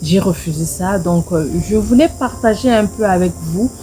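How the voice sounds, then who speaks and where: Soft music plays behind this middle-aged video storyteller from Congo-Brazzaville as she casually recounts a personal story. She has a Congolese French accent and a dark, medium-pitched voice at normal speed, and she repeats phrases for emphasis.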